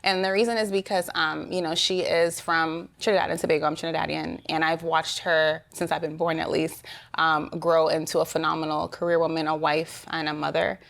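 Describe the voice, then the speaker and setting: A woman's voice: sits low, flat delivery, fairly quick, vocal fry, a bit bright. A woman talking conversationally as an expert interview guest, explaining practical advice.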